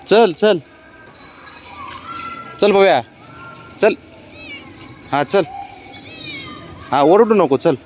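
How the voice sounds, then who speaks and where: A man's voice: high-pitched, animated, very slow, pauses often, a little mellow, a little hiss or hum. A man coaxing his cat along in casual talk, calling out short words again and again. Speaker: cat owner vlogger.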